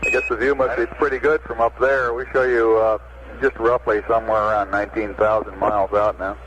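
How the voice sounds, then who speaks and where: A man's voice: on the low side, flat delivery, brisk. A man working as mission control's capsule communicator over a crackly, breaking-up space radio link, with clipped radio procedure, reading numbers digit by digit. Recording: dull, lo-fi radio transmission with faint static.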